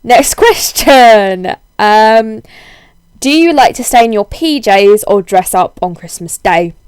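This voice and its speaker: Slow-paced young woman with a cold. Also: medium pitch, animated, a little mellow, smooth, dry recording. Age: young adult. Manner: rambling, self-deprecating, wryly dramatic. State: hoarse with a cold. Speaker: video blogger. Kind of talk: casual chatty vlog, answering tag questions.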